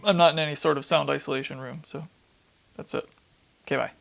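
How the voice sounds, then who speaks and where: A man giving a casual camera review, reading a test phrase over and over in a measured way, in an ordinary room with a window. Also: a little high, steady tone, creaky, fairly bright tone.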